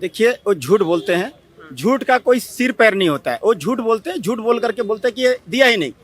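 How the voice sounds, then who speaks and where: A man answers an interviewer insistently, saying the same claim over again. His voice is very high. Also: expressive, fairly quick.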